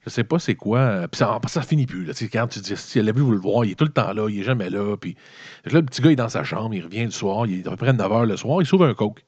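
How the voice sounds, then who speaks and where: In a fast, husky, lowish voice, a man speaking Québécois French jokingly recounts a movie's plot, wandering off track and cursing freely. He's animated and colloquial, heard on a dull, dry, lo-fi recording.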